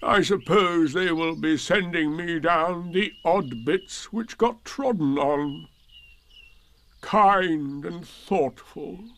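A man voicing a gloomy, self-pitying old male donkey in a storybook reading, speaking in a slow, mournful drawl. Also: a little high, a bit bright, voice pushed up.

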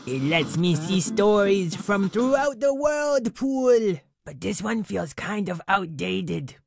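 A man's voice: high voice, big pitch swings, takes it slowly, creaky, pitched above the performer's own voice, heavily acted. A man doing a wisecracking cartoon dog. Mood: sarcastic. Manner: sarcastic, wisecracking. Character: wisecracking pet dog with a magic mirror.

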